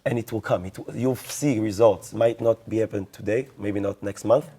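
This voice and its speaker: A man's voice: on the low side, normal speed, warm tone, slightly rough. A man on a panel giving encouraging advice to a young creator, often restarting his sentences. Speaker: social media influencer on a panel.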